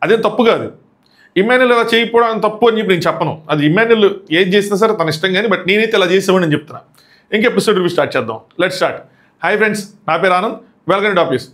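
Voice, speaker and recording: A man's voice: high-pitched, lively intonation, very fast, fairly bright tone. A young man hosting a casual episode review, chatty and mixing English words into his talk. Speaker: YouTube show reviewer and host.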